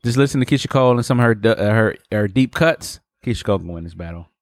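A man's voice: lowish voice, expressive, fast, dry recording, studio quality. A man in his late twenties hosting a casual podcast chat, laid-back and tacking "man" onto his sentences. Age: 20s. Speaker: podcast host.

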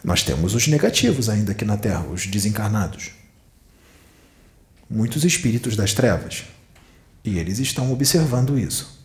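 A man's voice: lowish voice, animated, moderate pace, pauses often. A man giving a channeled spiritual sermon, admonishing his listeners with rhetorical questions. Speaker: spiritual medium. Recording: echoey room.

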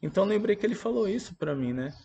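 A Brazilian Portuguese-speaking man giving a halting, earnest and reflective spoken testimony about a personal religious experience. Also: sits high, animated, creaky, warm tone, slight background noise. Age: adult parent.

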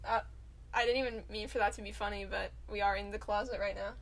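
A young woman co-hosting a podcast, chatting casually from a small closet with teasing, deadpan jokes and frequent giggles. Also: mid-range voice, fast talker, gravelly. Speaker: podcast co-host.

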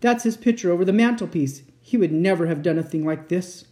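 A woman's voice: lowish voice, a little fast, mellow, lightly acted. A woman voicing a sorrowful, guilt-ridden male fawn in a melodramatic, tearful storybook reading. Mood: guilty, anguished. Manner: tearful, self-reproaching, melodramatic.

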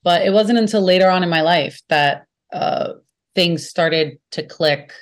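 A woman with a Brooklyn accent chats as an interview guest. She talks in an animated, joking, storytelling way. Her voice sits slightly low for a woman. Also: a little slow. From Brooklyn, New York. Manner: animated, jokey, lively storytelling. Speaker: actor and guest. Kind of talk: casual interview chat.

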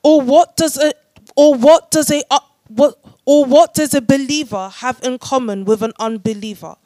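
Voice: high voice, moderate pace, dark tone, no room sound. A person reading Bible verses aloud on cue during a sermon, plainly and sometimes stumbling over words. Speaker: scripture reader in a church service.

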